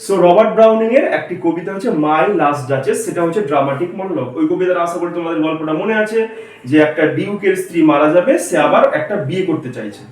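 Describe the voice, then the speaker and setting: High-voiced male teacher in an echoey classroom. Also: lively intonation. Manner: explains slowly and quizzes students. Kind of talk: classroom lecture. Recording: echoey room, mic far off.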